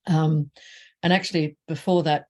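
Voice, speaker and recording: A woman's voice: sits low, fairly even intonation, moderate pace, mellow. A middle-aged woman from Australia, an author being interviewed, talking casually with many fillers and frequent laughter. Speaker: author guest.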